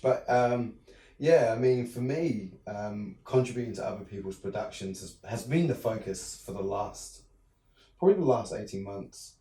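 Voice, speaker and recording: This is a filmmaker, a young southern Englishman with the matching accent, talking casually as an interview guest, stumbling into many ums and restarts. His mid-range voice echoes around the room, picked up far from the microphone.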